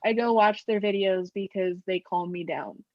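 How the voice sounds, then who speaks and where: A young woman in her twenties chats casually as a podcast guest, filling her speech with fillers and laughter. Her slightly nasal voice is mid-range and moderately paced, recorded with no room sound and the highs cut off.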